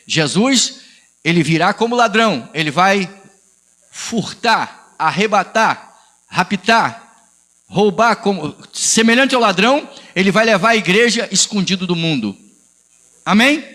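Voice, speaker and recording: A man's voice: high-pitched, lively intonation, a little slow, sharp tone. A man preaching on a live stream as pastor, combative and ironic, arguing with a commenter. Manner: combative, ironic, calls listener "filho" and "amigo".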